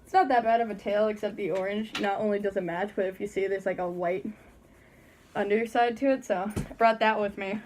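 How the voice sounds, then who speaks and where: A woman's voice: mid-range voice, fairly even intonation, fairly quick, darkish tone, slight background noise. A teenage girl casually telling a story from her bedroom while wearing a costume head, chatty and giggly, acting out the people she quotes. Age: teens. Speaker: vlogger.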